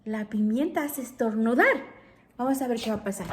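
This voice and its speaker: A woman teacher reading a picture book aloud to children, animated and asking them questions along the way. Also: on the high side, normal speed, background noise. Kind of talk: storybook read-aloud for children.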